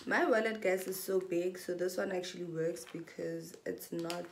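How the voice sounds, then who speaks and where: This young South African woman's voice sits on the low side with vocal fry, and there is faint background noise. In a casual vlog from a small room, she unhurriedly and chattily shows her bag's contents, dropping in Setswana phrases.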